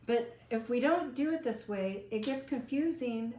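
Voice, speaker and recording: A woman's voice: fairly high pitch, measured pace, a little mellow. Woman, Bible class teacher, casual, rambling instructions, echoey room, faint background noise. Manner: chatty, loose and informal, rephrasing as she goes.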